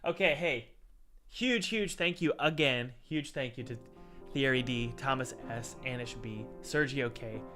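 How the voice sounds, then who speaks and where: A man hosts a laid-back livestream reviewing indie games, rambling, repeating himself, and doing an ad read while sounding stuffed up from a head cold. His mid-range voice is a little slow, pushed, and bright, with soft music behind it. He's in a cold room at home with the window open.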